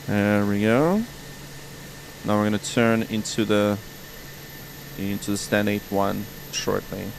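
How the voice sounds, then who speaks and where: A man's voice: lowish voice, fairly even intonation, slow, vocal fry, a little hiss or hum, rough recording. A man chatting informally and a little hesitantly to viewers as a flight simulator streamer playing pilot. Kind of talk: casual live stream commentary.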